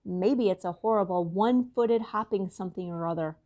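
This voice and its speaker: A woman reading a storybook aloud and voicing Wembley, an eager, helpful young male Fraggle, in a raised, excited voice. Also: a little fast, close to an everyday voice. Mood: speculating. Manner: raised, excited pitch for his lines.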